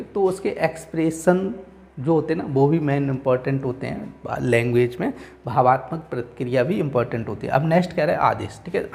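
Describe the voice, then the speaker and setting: Gravelly guy teacher going over exam questions, keeps repeating answers. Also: mid-range voice, darkish tone. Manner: repeats answers with "ठीक है", reads questions slowly. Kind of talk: exam-prep lesson. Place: coaching classroom.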